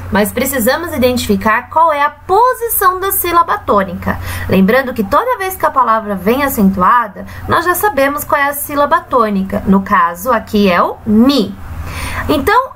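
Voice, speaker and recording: A Brazilian woman teacher speaks slowly in a high, bright voice, stretching each example word syllable by syllable. Her pitch swings widely in a sing-song teaching tone. A faint hiss sits under the recording. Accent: Brazilian Portuguese. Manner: slow, sing-song teacher talk, drawing out example words. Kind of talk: recorded remote grammar lesson for children.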